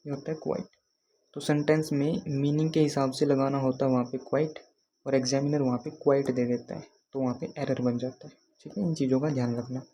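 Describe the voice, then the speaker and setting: Mellow-voiced male exam tutor. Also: mid-range voice, slight background noise. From Haryana. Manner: patient, repeats questions to students. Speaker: exam prep teacher. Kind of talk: explaining lesson.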